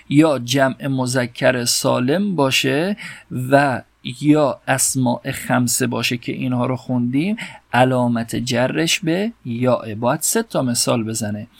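Gravelly man teaching grammar methodically. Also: mid-range voice, no room sound. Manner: methodical, repeats examples slowly. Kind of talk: lecture explaining grammar.

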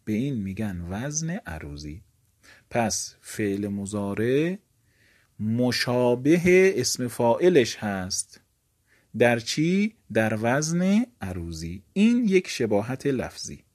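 A man's voice: mid-range voice, big pitch swings, darkish tone. A male teacher giving a grammar lecture, explaining step by step and asking the class questions that he then answers himself.

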